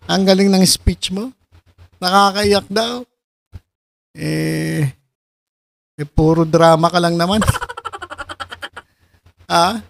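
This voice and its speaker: A man's voice: sits high, slow pace, gravelly, long pauses, no echo. A man giving casual reaction commentary, mocking and sarcastic, often breaking into laughter. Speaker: video commentator.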